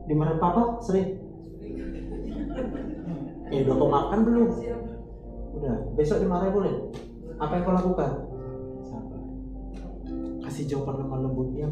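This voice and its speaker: A woman's voice: mid-range voice, dull audio. A woman preaching, acting out conversations and quizzing her congregation. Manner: lively, acts out dialogues, asks the congregation questions. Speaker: preacher and doctor. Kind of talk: sermon. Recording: echoey hall with music behind.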